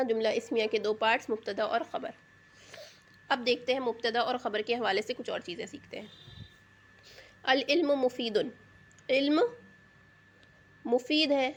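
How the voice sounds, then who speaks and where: Patient woman teacher with a higher voice. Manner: patient, repeats key terms and asks rhetorical check questions. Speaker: Arabic grammar teacher. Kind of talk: explanatory lesson in Urdu.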